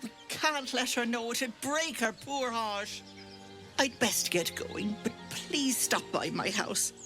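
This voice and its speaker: Game role: elderly, sweet-talking hag auntie, folksy and bossy, high lilting voice, slow delivery. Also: female voice, over music. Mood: sorrowful. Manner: folksy, cloying endearments, turning sternly bossy. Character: sweet, doting old hag posing as a kindly auntie. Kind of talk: video game character acting.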